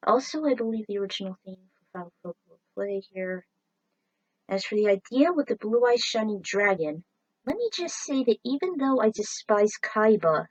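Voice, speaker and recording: A woman's voice: medium pitch, no room sound, distant mic, highs cut off. A woman reading her own fan fiction aloud, breaking off for enthusiastic, chatty asides. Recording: dry voice set back from the mic.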